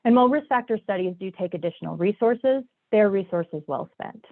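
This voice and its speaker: A woman's voice: mid-range voice, animated, a little fast, no echo. Woman presenter, head cold, nasal and stuffy, chatty and eager, narrow tinny call audio. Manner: enthusiastic, chatty. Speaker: workshop presenter. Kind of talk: online workshop presentation. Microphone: video call. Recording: dry, phone-like video call audio.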